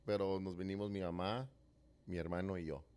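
A man's voice: low-pitched, steady tone, moderate pace, a little mellow, clean tone. A man in his thirties, born in Mexico, chatting casually on a podcast with many fillers and hesitations. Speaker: podcast co-host. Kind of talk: casual conversation.

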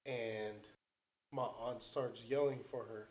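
A man with an average-pitched voice tells a story in a relaxed, rambling way. He leans on filler words and swears freely, like he's chatting with friends. The room around him gives the voice a noticeable echo. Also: slow pace. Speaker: storyteller on a podcast. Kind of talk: casual chat. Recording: roomy echo.

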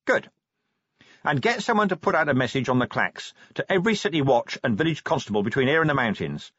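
Man playing a gruff sardonic watch commander, lively raised voice, husky, dull dry sound. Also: medium pitch, no room sound, pitched above the performer's own voice. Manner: curt, sardonic, brisk. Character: gruff weary male city watch commander.

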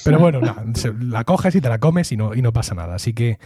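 Middle-aged guy rattling off a story on a podcast, dark mellow voice, super quick, dry close sound. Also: mid-range voice, animated, husky, no room sound. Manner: chatty storyteller, acts out quoted dialogue. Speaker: podcast host. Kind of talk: casual chat.

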